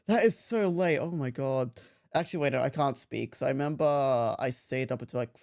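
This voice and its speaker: This young Australian livestreamer rambles while gaming, laughing often and restarting his sentences in casual chat. His voice is mid-range, creaky and darkish in tone, and he speaks at normal speed.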